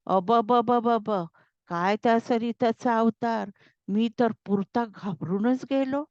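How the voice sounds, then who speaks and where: A woman's voice: medium pitch, unhurried, mellow, dry recording, muffled recording, close to an everyday voice. A woman voicing a kindly elephant-headed god. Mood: startled.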